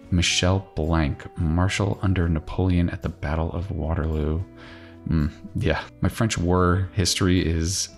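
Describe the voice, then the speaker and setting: A man thinking out loud in casual puzzle commentary, musing and questioning himself as he works. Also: low-pitched, vocal fry. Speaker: crossword solver hosting a solve-along video. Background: plucked guitar music.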